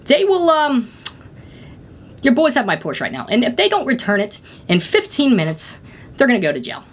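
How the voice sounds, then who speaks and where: A shrill, pompous drunk who claims to run the place, as a man puts him on. The voice sits high and swings wildly up and down, erratic and full of self-importance. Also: wildly swooping pitch, moderate pace, fairly bright tone, exaggerated voice. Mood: smug.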